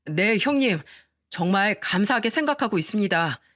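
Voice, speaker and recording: A woman voicing a meek young husband who pleads and apologizes softly, read as part of a narrated story. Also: medium pitch, animated, moderate pace, no echo, clean studio sound, close to an everyday voice. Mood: apologetic.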